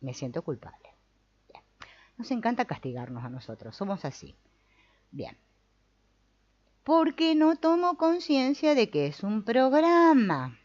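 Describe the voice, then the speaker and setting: A woman's voice: fairly high pitch, a little slow, pauses often. A woman, teaching a spiritual talk on the mind and acting out inner voices. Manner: lively, acts out inner voices. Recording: slightly dull lo-fi sound.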